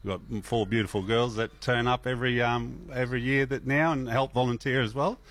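A middle-aged Australian man who works as a festival MC chats relaxedly as a guest on a radio interview, full of fillers and restarts. His voice is medium in pitch and fairly quick.

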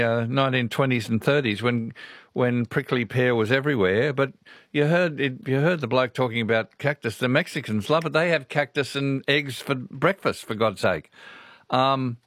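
This Australian man hosts radio in a mid-range, slightly bright voice at normal speed, chatting loosely and reading out notes from listeners. The studio sound is clean, with no room sound.

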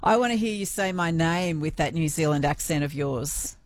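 A woman's voice: deep voice, moderate pace, noisy background. An Australian woman hosting a radio programme in a chatty, informal, conversational way. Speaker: radio host.

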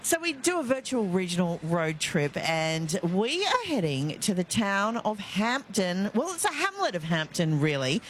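An Australian woman hosts live talkback radio outdoors outside a stadium, chatty, self-mocking and quick to laugh. Her mid-range voice is very animated, a little slow, with few pauses, and faint outdoor ambient noise sits in the background.

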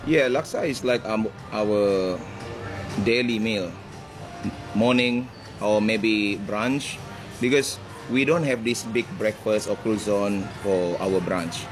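Easygoing Malaysian-raised chef, lowish voice. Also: male voice, over music. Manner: easygoing, halting, laughs often. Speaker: head chef. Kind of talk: casual interview chat.

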